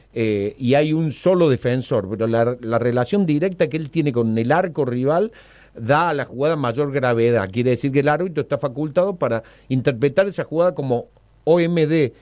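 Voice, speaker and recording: Measured male refereeing expert, dry sound. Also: mid-range voice, lively intonation, darkish tone, no echo. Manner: measured, technical. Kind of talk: explaining a rule.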